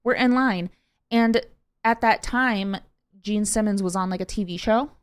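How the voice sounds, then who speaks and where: Woman podcast co-host, chatty and excitable, drifts from tangent to tangent. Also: medium pitch, unhurried, clear, resonant tone. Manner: rambling, excitable storyteller, jumps between tangents. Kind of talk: casual chat.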